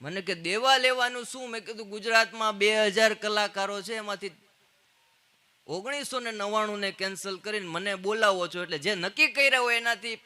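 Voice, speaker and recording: Male stand-up comic, high and very bright voice, punchy storytelling on stage. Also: clear, resonant tone. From Gujarat, India. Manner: punchline jokes with quick quoted exchanges. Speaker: stand-up comedian. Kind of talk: live Gujarati stand-up storytelling.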